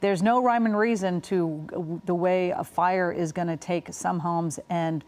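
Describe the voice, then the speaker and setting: A woman anchors live breaking news in a sympathetic, conversational way, with plenty of ums and uhs. Her voice sits a bit low. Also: steady tone, unhurried, darkish tone. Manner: conversational, sympathetic, frequent fillers.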